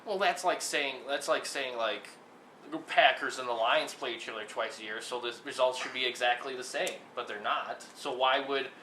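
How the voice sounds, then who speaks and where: A man's voice: medium pitch, normal speed, bright, forceful tone. A young man co-hosting a mock sports talk show, arguing and often restarting his sentences. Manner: argumentative, repeats himself when starting a point. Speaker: co-host. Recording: echoey room with faint hiss.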